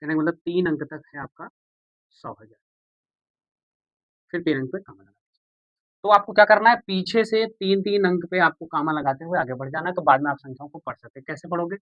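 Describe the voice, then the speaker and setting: A man's voice: a little high, a little fast, long pauses, dry recording, highs cut off. A man teaching a maths lesson, patient and repetitive, who asks the viewers questions and answers them himself. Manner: patient, repeats steps, calls viewers "beta" and "bhaiya".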